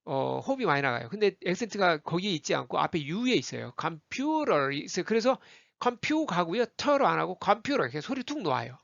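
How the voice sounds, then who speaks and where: A man's voice: a little high, quick pace, vocal fry, few pauses, no room sound, lo-fi sound. A man teaching English pronunciation in a spoken lesson, repeating example words over and over and coaching listeners to try them. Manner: animated, repeats example words many times for the listener to copy.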